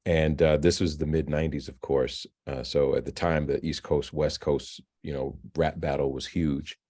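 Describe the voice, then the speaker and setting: A man in his fifties, interviewed about his career, talking in a halting way with frequent restarts and repeated words. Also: extremely low pitch, steady tone, a little mellow. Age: 50s. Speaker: filmmaker and novelist, alumnus guest. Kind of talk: interview, conversational. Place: virtual interview.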